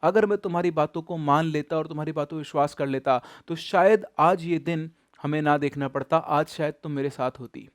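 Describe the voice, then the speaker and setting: A man voicing a grieving young husband who begs his dead wife's forgiveness, speaking softly and haltingly. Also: a little high, natural voice. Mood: pleading remorse. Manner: soft, halting and pleading, with stumbles and repeats.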